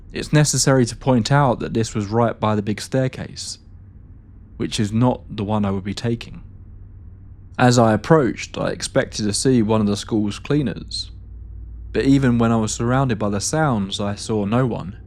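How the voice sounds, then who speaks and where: Man, lowish voice, scripted ghost-story narration, steady measured delivery.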